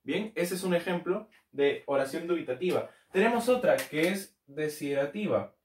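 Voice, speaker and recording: A fairly high-voiced man walks through grammar as a teacher. He keeps checking in with his listeners and stretches key terms out slowly. His voice rings in an echoey room, recorded from a little way off the mic. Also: animated, far from the mic, slight background noise. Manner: checks in with "¿listo?" and "¿cierto?", repeats key words slowly. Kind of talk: grammar lesson.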